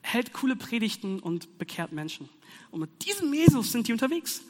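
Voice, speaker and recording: Young male preacher, high voice, slangy and playful, reverberant hall. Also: normal speed. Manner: slangy, animated, playful asides. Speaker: youth preacher. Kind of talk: casual youth sermon. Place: hall with audience.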